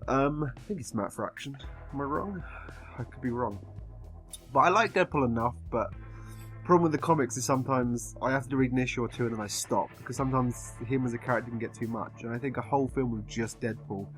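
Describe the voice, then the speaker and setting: A man with an English accent giving a casual film review, rambling and halting as if he has been drinking. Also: medium pitch, a bit bright, soft background music. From England.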